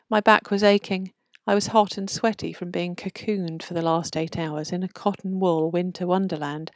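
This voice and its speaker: Low-voiced woman reading stories aloud. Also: a little mellow, no echo. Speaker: podcast host reading short stories. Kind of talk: read-aloud short fiction and author bios.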